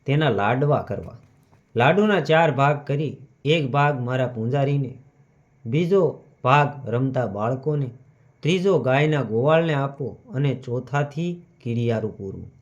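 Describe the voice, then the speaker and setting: A man narrating a devotional story at a steady reading cadence. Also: mid-range voice. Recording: dull lo-fi recording.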